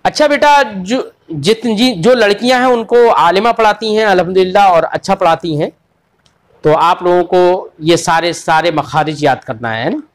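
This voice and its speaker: With a high voice at a moderate pace, a man leads an online tajweed lesson on Quran recitation. Rules get repeated patiently and example words drawn out, and he lovingly refers to his students as children.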